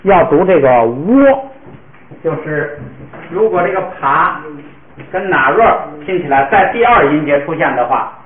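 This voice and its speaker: A man teaching a classroom pronunciation lesson, patiently modeling words slowly for the class to repeat. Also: on the high side, big pitch swings. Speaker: language teacher. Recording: echoey room, tinny phone-like sound.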